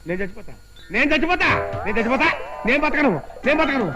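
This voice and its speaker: Wailing, exasperated young priest. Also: male voice, very high voice, expressive, fast, over music, rough recording. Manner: wails and laments dramatically. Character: reluctant young priest, excitable, loudly wailing. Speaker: priest asked to perform a wedding.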